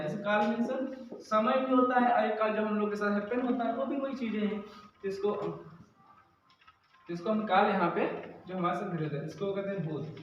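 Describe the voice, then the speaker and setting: A man's voice: high voice, slight background noise. A man teaching an English grammar lesson in a classroom, explaining step by step and answering his own questions. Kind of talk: classroom lecture. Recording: echoey dull room sound from a distance.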